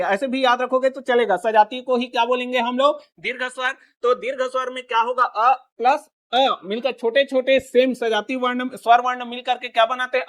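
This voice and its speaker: A man's voice: very high voice, bright, forceful tone. A male teacher giving a classroom grammar lesson, asking his students question after question and repeating each answer back to them.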